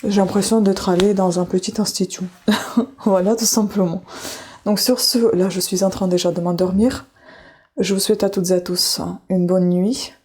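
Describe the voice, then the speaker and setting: Chatting away as she applies her evening skincare, a middle-aged beauty vlogger talks casually to the camera from her home bathroom. Her mid-range voice has a breathy edge, and she keeps a normal speed and a relaxed manner.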